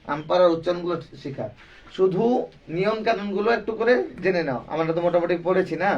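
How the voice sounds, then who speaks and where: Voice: medium pitch, quick pace, far from the mic, muffled recording. A Quran recitation teacher giving a classroom lesson, drilling the students with repeated questions and call-and-response.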